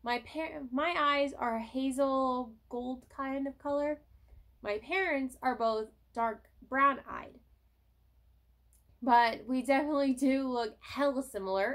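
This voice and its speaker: A young woman vlogging to camera on her phone, chatting in a rambling, casual way with the odd swear word. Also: high-pitched. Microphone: cell phone.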